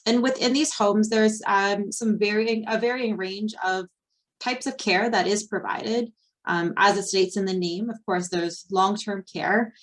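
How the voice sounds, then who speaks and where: A woman's voice: mid-range voice, fairly even intonation, unhurried. A young adult woman presenting a slide webinar, explaining step by step with frequent ums and fillers. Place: Ontario.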